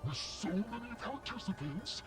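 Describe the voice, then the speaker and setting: A woman voicing a masked, cruel game sponsor through a voice changer, with slow, theatrical menace. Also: mid-range voice, animated. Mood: menacing. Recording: echoey, with faint music behind.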